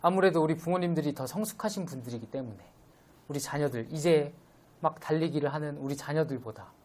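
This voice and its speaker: A young man giving a conversational midweek sermon, gently teasing and explaining scripture to his congregation. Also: on the high side. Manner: conversational, gently teasing, acts out quoted voices. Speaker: preacher.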